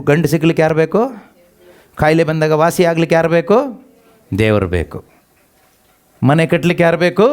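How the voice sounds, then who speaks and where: Animated male preacher with rising pitch. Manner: animated, asks the congregation rhetorical questions; has the congregation read verses aloud and repeats each line after them. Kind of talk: sermon.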